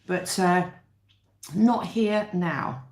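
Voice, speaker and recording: A woman's voice: fairly low pitch, steady tone, very slow, darkish tone. A woman with a British accent hosting a casual livestream, chatting to viewers while eating her dinner mukbang-style. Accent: British English. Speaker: livestream host. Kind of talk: casual live chat over a meal. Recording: echoey room.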